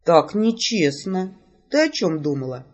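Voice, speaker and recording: A teasing young wizard from a fantasy audiobook, calm and mocking, speaking slow and a little low, as a woman reader puts him on. His tone still swings up and down lively. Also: lo-fi sound.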